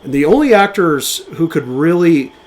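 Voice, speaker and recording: A man co-hosting a podcast, speaking casually and with enthusiasm about film, with fillers and quick restarts. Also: fairly high pitch, lively intonation. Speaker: podcast co-host.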